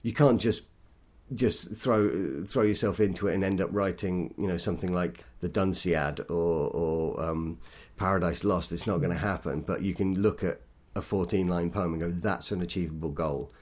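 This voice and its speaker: A man, a poet, talking thoughtfully and self-deprecatingly in an interview, in a halting way. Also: low voice, steady tone, a little mellow. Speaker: poet guest. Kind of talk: interview conversation.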